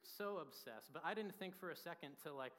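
A man in his twenties, a pastor and church founder, telling a story in a sermon with an animated, talkative delivery full of fillers. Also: a little high, a little fast, long reverb tail. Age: 20s.

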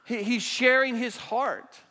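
High-voiced male pastor in a reverberant hall. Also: slow, bright, forceful tone. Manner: conversational, with restarts and acted-out quotes. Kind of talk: sermon. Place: church sanctuary.

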